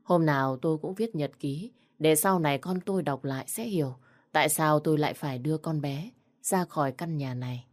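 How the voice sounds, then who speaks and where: Female storyteller, low-pitched, measured and somber narration. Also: a little mellow.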